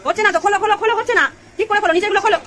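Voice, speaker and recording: Brief: woman at home, sing-song coaxing baby talk, very high ringing voice. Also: rapid-fire, a bit bright, faint music behind, a faint crowd. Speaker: mother playing with her toddler.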